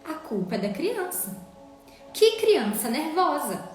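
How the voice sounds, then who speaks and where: A woman's voice: high-pitched, sing-song, moderate pace, a little mellow, pitched above the performer's own voice. A woman voicing an exasperated parent who blames her child, with accusing outbursts. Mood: scolding. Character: scolding, blaming woman parent. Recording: very echoey room, faint music.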